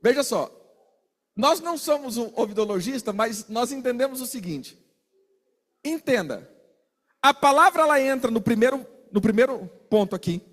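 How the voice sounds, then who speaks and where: A man preaching a sermon, animated, asking his listeners questions and acting out little exchanges. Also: extremely high pitch, moderate pace, long reverb tail. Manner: animated, asks the congregation questions and acts out quarrels.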